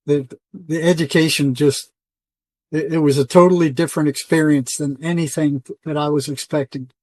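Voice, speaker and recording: An older man, a retired psychotherapist, speaks as an interview guest in a halting, conversational way, frequently repeating words and starting over. His voice is slightly high, steady, and a bit mellow, with no room sound.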